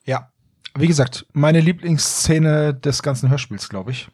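Ein Mann, der in einem lockeren Podcast-Gespräch lebhaft über ein Hörspiel plaudert und dabei oft lacht. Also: male voice, on the high side, husky, no room sound, studio quality. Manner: animated, laughs often, quick asides. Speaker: podcast co-host. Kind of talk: casual podcast chat reviewing an audio drama.

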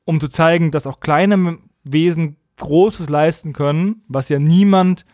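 On a dry, studio-quality recording, a man co-hosts a podcast and recaps stories in a casual, humorous episode. His voice is on the high side with a darkish tone, and he speaks unhurriedly, in a colloquial, mockingly opinionated way.

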